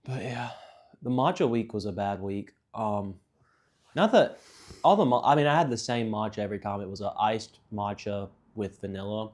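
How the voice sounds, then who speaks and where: A man's voice: fairly low pitch, animated, moderate pace, darkish tone. A young man co-hosting a casual talk show, easygoing and agreeable, with hesitant ums and uhs. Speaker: podcast co-host. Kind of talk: casual chat.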